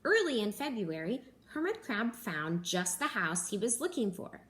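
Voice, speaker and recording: A young woman, a teacher, reading a picture book aloud to children at home in a gentle, animated storytelling manner. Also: mid-range voice, moderate pace. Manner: gentle, animated storytelling with gasps and character voices. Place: living room at home.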